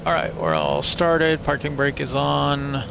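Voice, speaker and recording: A man's voice: fairly high pitch, measured pace, gravelly. A man giving casual running commentary as he plays a flight simulator, muttering checklist items to himself in clipped phrases. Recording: steady aircraft hum behind voice.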